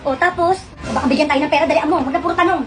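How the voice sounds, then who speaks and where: A woman in comic family skits, talking in a quick, scolding, exasperated way. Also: sits high. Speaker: comedy skit creator. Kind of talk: comic skits playing several family roles. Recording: skit clip with loud music behind.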